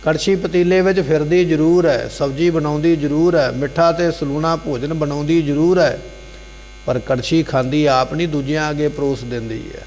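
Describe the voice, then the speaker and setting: Male preacher, somewhat high voice, explains scripture in short repeating phrases, long hall echo, faint hum. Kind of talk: devotional scripture exposition. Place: gurdwara hall.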